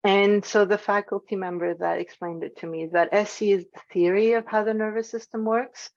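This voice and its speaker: A woman's voice: mid-range voice, steady tone, normal speed, a little mellow, dull audio. A woman presenting an online workshop in a casual, informal way, using lots of "like" as a filler, nervous about speaking in public.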